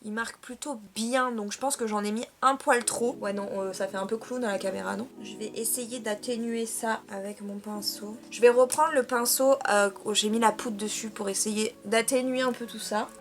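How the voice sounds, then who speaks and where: A woman's voice: a little high, steady tone, moderate pace, few pauses, faint music behind. A young woman from France in a casual makeup vlog, talking in a chatty way with many hesitations while she applies products. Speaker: beauty vlogger.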